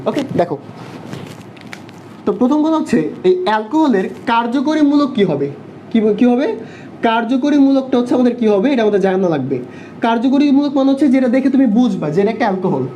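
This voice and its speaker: Fast-talking man tutoring. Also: extremely high pitch, mellow, slight background noise. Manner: asks quick questions and answers them himself. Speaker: chemistry tutor. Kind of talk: online live class lecture. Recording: dull lo-fi online class audio.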